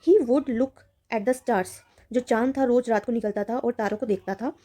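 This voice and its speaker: धीमे से समझाती, मधुर आवाज़ वाली महिला शिक्षिका. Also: female voice, fairly high pitch, fairly even intonation, dark tone. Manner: reads English lines slowly, then explains them in Hindi. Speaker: English teacher. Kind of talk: explaining a children's English reading lesson.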